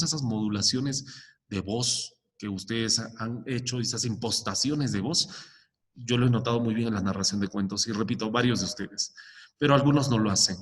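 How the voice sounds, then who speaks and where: A male teacher gives a recorded lesson in a mid-range voice with a long reverb tail. He explains step by step and keeps checking in with the class, using lots of rhetorical questions and "¿ya?" checks.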